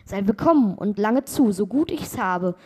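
A woman's voice: mid-range voice, lively intonation, moderate pace, darkish tone, husky. A woman voicing an earnest young journeyman in a read-aloud fairy tale, calling out heartily.

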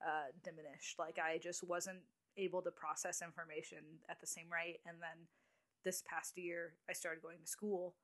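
A woman's voice: fairly low pitch, little pitch movement, fairly bright tone. A woman in her late twenties, a guest on a podcast, chatting casually and restarting her sentences often. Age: 20s. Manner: chatty, halting with restarts and little laughs. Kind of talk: casual chat.

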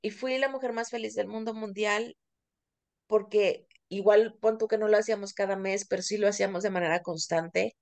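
A woman's voice: mid-range voice, steady tone, moderate pace, vocal fry, darkish tone. A middle-aged Mexican woman co-hosting a podcast, talking candidly and casually with plenty of fillers. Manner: candid, confessional, many fillers. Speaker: podcast co-host.

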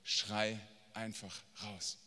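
A man preaching a sermon, blunt and emphatic, swinging from quiet asides to near-shouting. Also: fairly low pitch, flat delivery, very slow. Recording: long reverb of a large hall.

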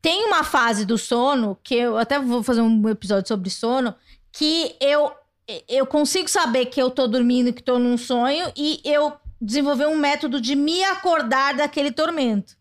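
A high-pitched woman from Brazil hosts a casual podcast chat. She tells stories with animated energy and laughs often. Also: moderate pace. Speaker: podcast host.

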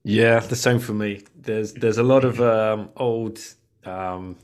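A man hosting a podcast, chatting casually in a lively, blunt way with some swearing. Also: fairly low pitch, slow pace. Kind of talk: casual chat.

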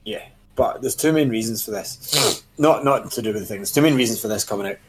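A man's voice: fairly low pitch, quick pace. A man in his thirties co-hosting a casual video game podcast, blunt and jokey, swearing freely and talking over his co-host. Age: 30s. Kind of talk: casual chat.

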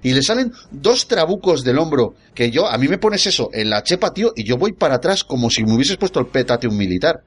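Animated man ranting about a film. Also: mid-range voice, brisk, few pauses, breathy edge. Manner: ranting, swearing, acting out scenes in mocking voices. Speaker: podcast co-host. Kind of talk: casual film debate.

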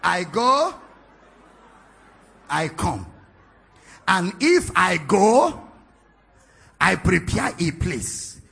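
A Nigerian man preaching a sermon in a church, teasing the congregation with questions and then building to shouted climaxes. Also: sits high, sing-song, very slow, gravelly, long pauses, slightly rough. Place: church hall, large, indoors.

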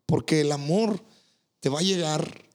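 A man, a pastor hosting a faith podcast, speaking earnestly with many halting restarts. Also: a little high.

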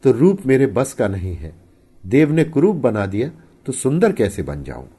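A man's voice: on the low side, big pitch swings, normal speed, warm tone, breathy edge. A man voicing a suspicious, hurt village husband who speaks sternly and firmly.

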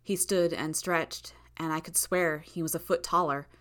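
A woman narrating a first-person audiobook in a steady, measured storytelling manner with tense asides. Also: deep voice.

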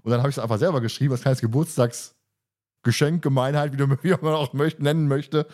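A man of middle pitch co-hosting a podcast, talking in a quick, chatty way. He explains things casually, with easy laughs mixed in. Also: fairly even intonation, darkish tone. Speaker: podcast co-host. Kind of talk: casual chat.

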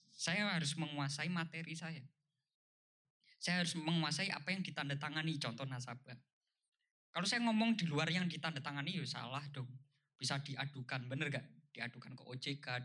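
A man leads a motivational seminar in a bright, forceful voice that sits a little high. He drives his points home by repeating them and keeps asking his listeners rhetorical questions. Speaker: seminar speaker. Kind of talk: motivational seminar talk to a live audience.

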